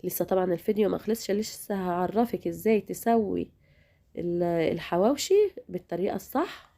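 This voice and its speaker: Speaking directly to viewers, a woman with an Egyptian Arabic accent hosts a chatty home cooking demo on her channel. Her low-leaning voice is mellow and expressive, fairly quick in pace, and slightly worn from a recent illness.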